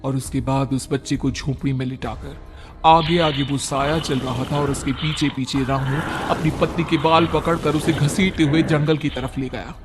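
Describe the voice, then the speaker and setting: A man narrating an animated horror story in a dramatic, storytelling manner. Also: mid-range voice, normal speed, over music.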